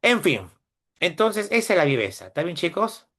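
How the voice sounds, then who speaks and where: A man's voice: sits high, big pitch swings, normal speed, fairly bright tone. A middle-aged Peruvian man giving a conversational university lecture, often tagging his points with questions to his students. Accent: Peruvian Spanish. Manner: conversational, frequent tag questions; retells anecdotes with quoted voices. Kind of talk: classroom lecture.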